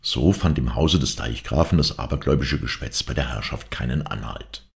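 A man reading a classic novella aloud in a dramatic, expressive storytelling manner. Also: rumbling low, normal speed, creaky. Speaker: audiobook reader.

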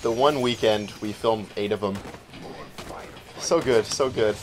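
A man's voice: fairly low pitch, unhurried, soft background music. A young man hosting a let's play, giving casual, rambling, profane commentary and arguing with his co-host.

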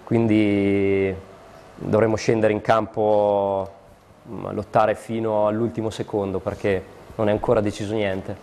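A man in his thirties from Fano, a futsal player guest answering in a halting way with many fillers, recorded in a TV studio. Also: fairly low pitch, level tone, a little mellow. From Fano, Italy. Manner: halting, lots of fillers and repeated yeses. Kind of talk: studio interview. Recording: studio with long reverb, faint noise.

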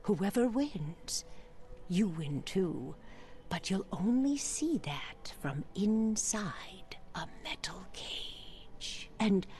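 Very slow, mysterious fortune teller. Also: female voice, medium pitch, expressive, a little mellow. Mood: cryptic, portentous. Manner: fortune teller delivery, cryptic and portentous. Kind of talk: scripted video game character acting.

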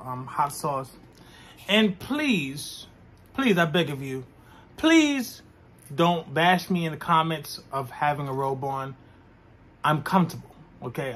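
Young male vlogger, relaxed filler-heavy chat, slightly high voice, faint room noise. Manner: talks slowly with frequent "um" fillers. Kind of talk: casual mukbang vlog chat. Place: his own room.

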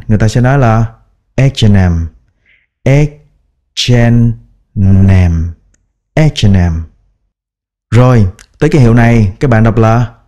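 A man leads a pronunciation lesson in a mellow, warm voice, patiently breaking words into sounds. He repeats each example word slowly and carefully. His pacing is unhurried throughout. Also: mid-range voice. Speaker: English pronunciation teacher. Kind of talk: slow instructional pronunciation lesson.

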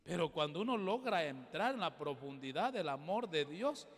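A male pastor, preaching a sermon with emphatic swings between loud exhortation and quiet asides. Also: a little high, very animated, normal speed. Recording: long hall reverb.

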